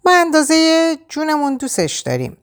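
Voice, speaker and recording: A harried man running a busy bar, as a woman reads him aloud, tripping over his own sentences. His voice sits high and swings widely. Part of an audiobook reading. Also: huge pitch swings. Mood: flustered. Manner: halting, stammering restarts. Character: harried male bar manager, irritated then worried.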